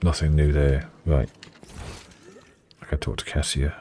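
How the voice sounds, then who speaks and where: A man playing a video game, reading its text aloud and rambling in self-mocking asides, his voice going hoarse. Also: very deep voice, little pitch movement, a little slow, dark tone, a little hiss or hum. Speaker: let's-play gamer.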